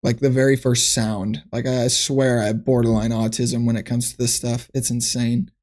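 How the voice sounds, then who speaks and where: A man's voice: medium pitch, flat delivery, normal speed, a little mellow. Rambling young man streaming casually. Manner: thinks aloud, rambling with restarts. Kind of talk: casual livestream chat.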